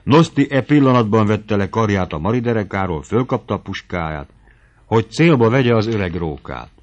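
A man narrating a classic novel as an audiobook, with expressive, dramatic storytelling. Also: on the low side. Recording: muffled lo-fi recording.

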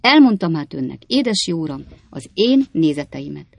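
Male narrator doing an elderly storybook lawyer, smooth persuasive pleading, slightly gravelly voice. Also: fairly high pitch, very animated, dry recording, exaggerated voice. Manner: long, persuasive, measured pleading. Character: scheming elderly male lawyer giving advice.

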